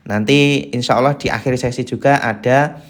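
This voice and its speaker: A man teaching beginners to read the Quran in a live lesson, chanting syllables slowly to a set tune and greeting viewers as they join. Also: medium pitch, steady tone. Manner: slow, patient drilling of syllables in a chanted tune; reads viewer greetings aloud and answers them.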